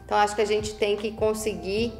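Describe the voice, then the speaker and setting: A Brazilian woman in her forties with a Brazilian Portuguese accent, a guest telling her life story in a podcast interview, animated and emphatic, laughing often. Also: medium pitch, fast talker. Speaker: guest, real estate broker. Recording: roomy sound with faint music.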